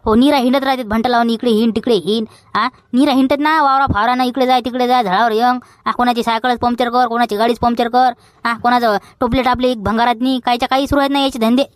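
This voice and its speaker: A man's voice: very high voice, steady tone, fast, clean tone, no room sound, studio quality. A man playing a chatty, teasing village neighbour in a comedy skit, with a Vidarbha Marathi accent.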